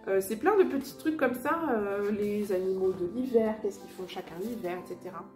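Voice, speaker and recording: A woman's voice: medium pitch, normal speed, darkish tone, faint music behind. Hesitant woman chatting in a roomy room. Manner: hesitant, many fillers and restarts. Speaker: vlogger and mother sharing children's books. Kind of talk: casual show-and-tell chat. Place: home, seated beside a fireplace. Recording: roomy echo.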